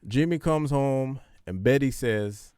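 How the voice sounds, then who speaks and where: A man's voice: mid-range voice, slow pace, darkish tone, clear, resonant tone, no echo, studio quality. A man hosting a podcast, giving casual parenting advice in a conversational, repetitive, preachy way. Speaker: podcast host.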